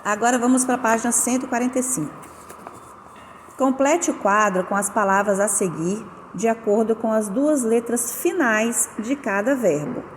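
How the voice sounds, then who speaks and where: Patient teacher. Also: female voice, fairly high pitch. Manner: patient, explanatory, stresses syllables slowly. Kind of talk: recorded class lesson. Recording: roomy with long reverb and faint noise.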